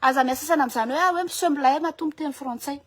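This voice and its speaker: A woman with a Malagasy accent, talking in a lively casual monologue and switching languages often. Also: high voice, fairly quick. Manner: animated, switching between French and Malagasy, many restarts. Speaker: vlogger.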